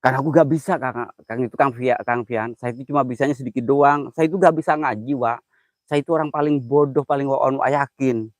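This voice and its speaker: A jittery man chats on a live stream, dropping into hushed prayers between louder asides. His voice sits at an ordinary middle pitch. The sound is dry and close, with no room echo. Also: fairly even intonation, fairly quick. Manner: jittery, mutters prayers under his breath between loud chatter. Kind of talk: casual live-stream chat.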